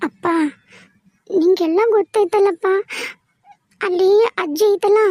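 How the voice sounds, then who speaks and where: A woman's voice: very high voice, fairly even intonation, unhurried, warm tone, no echo, studio quality. A woman voicing a frightened young daughter in a cartoon who pleads with her father, with a North Karnataka Kannada accent. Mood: pleading. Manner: pleading, urgent. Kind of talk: cartoon voice acting.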